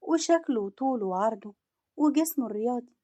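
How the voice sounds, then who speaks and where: Brief: a hurt young wife from an audio storybook, Egyptian accent, aggrieved and pleading, fairly high voice, read by a woman narrator. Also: expressive, fairly quick, warm tone. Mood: bitter.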